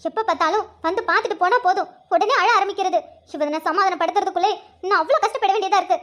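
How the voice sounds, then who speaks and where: A stubborn young mother in a cartoon, put on by a woman, high-pitched and quick-talking. She speaks firmly and curtly with a bitter edge. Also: a bit bright. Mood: resentful. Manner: firm, curt, bitter.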